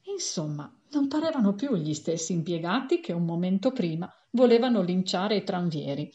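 A woman reading a children's story aloud with an animated, theatrical delivery. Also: lowish voice, moderate pace, highs cut off.

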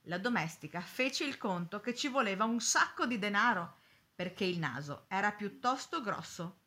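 A woman reads a storybook aloud with expressive, lively delivery. Her voice is bright and ringing, and her pitch rises and falls animatedly. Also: normal speed. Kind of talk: storybook narration.

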